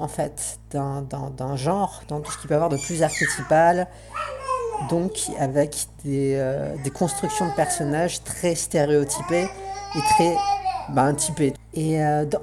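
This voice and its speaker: A woman's voice: deep voice, dark tone, slight background noise. A woman talking through a voice changer, giving an earnest, reflective spoken essay on roleplaying games and searching for her words.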